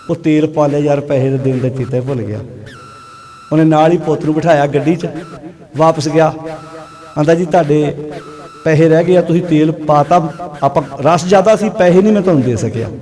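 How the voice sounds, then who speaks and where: Man, Sikh sermon, high voice, loud emphatic bursts, low earnest asides, crowd around. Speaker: Sikh preacher giving katha. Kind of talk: sermon to a live congregation. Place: gathering in a village. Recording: live crowd audible behind.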